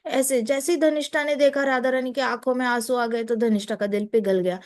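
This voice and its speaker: A woman's voice: a little high, steady tone, a little fast, a little mellow. A woman telling a devotional story vividly, repeating phrases and mixing in English words.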